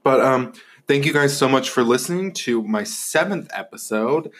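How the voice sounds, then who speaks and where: A young man hosts a relaxed podcast, chatting over food. His talk is loose and filled with fillers and quick laughs. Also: medium pitch. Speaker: podcast host. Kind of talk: casual chat while eating.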